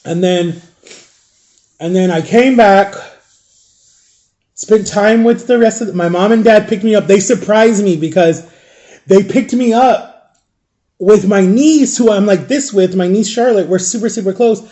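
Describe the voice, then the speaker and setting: High-pitched and mellow, a man in his thirties from Florida speaks a little slowly and pauses often. As a vlogger, he rambles through a casual storytime for viewers, chatting and fixing his own mistakes along the way.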